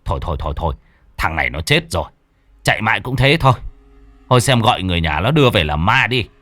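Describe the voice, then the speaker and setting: A man's voice: lowish voice, sing-song, quick pace, pushed and bright, no room sound. A man doing a winded, resigned village man. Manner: resigned, out of breath. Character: tall exhausted village man giving up.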